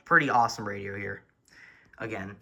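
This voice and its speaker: Gravelly and fairly low in pitch, this man speaks briskly. In a relaxed, talkative narration at home, the enthusiastic hobbyist shows off his weather radio collection, filming with a handheld camera while off screen, with faint noise and button clicks audible.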